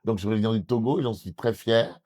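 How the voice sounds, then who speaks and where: Earnest French man, halting interview answers. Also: lowish voice, dark tone. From southwest France. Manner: earnest, many hesitations and restarts. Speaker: TV documentary presenter, interviewee.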